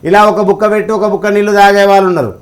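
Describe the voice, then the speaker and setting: A man's voice: high voice, fairly even intonation, very fast. A man telling devotional stories in conversation, emphatic, with rhetorical questions and acted-out quotes. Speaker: religious scholar guest.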